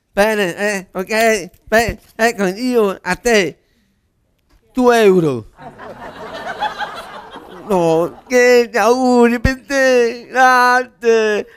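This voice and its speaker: A woman in a cabaret sketch, talking in a slow, repetitive, coaxing way. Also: fairly high pitch, a little hiss or hum.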